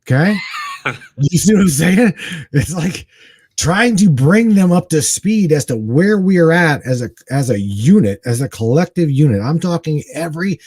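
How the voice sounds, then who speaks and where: A man's voice: a little high, expressive, moderate pace, darkish tone, breathy edge, no room sound. A man in his forties co-hosting a talk show, speaking emphatically and animatedly with casual slang. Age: 40s. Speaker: guest co-host. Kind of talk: casual conversation.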